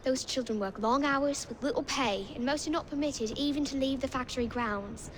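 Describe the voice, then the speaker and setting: A woman's voice: sits high, normal speed, slight background noise, close to an everyday voice. A woman playing a shrewd, self-possessed young girl who leads street urchins in a game, with an English accent and precise, businesslike manner. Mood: earnest. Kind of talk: video game cutscene acting.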